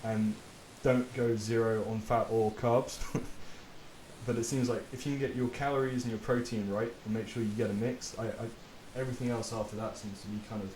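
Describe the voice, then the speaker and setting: Chatty man, lowish voice, hissy roomy line. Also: moderate pace. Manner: relaxed, chatty, swears and laughs easily. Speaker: podcast host and personal trainer. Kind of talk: casual chat. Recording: roomy with steady hiss.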